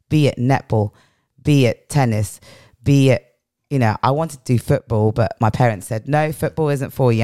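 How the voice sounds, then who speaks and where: Speaking at an extremely low pitch with a darkish tone, a middle-aged woman from England tells reflective personal stories as a podcast interview guest. Her voice is strong and powerful, she repeats phrases for weight, and the studio-quality recording has no echo.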